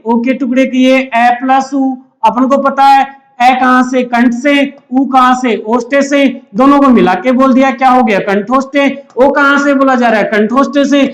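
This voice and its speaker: A man's voice: extremely high pitch, highs cut off. A man giving an exam-prep lecture, asking and answering his own questions over and over. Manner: repetitive call-and-answer teaching. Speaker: teacher. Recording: echoey room.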